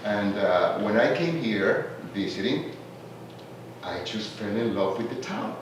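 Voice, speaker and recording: Soft-spoken Venezuelan-born man, echoey room. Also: fairly low pitch, big pitch swings, unhurried. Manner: hesitant, fills with "uh", warms into laughing enthusiasm. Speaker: tourism marketer introducing himself. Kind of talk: casual self-introduction at a meeting. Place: community meeting room. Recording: echoey room from far off, background noise.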